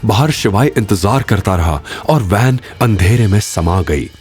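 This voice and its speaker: A man with a lowish voice narrates an audio drama with dramatic, expressive delivery. His pitch moves a lot to build tension, and soft music plays underneath. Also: a little slow. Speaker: storyteller.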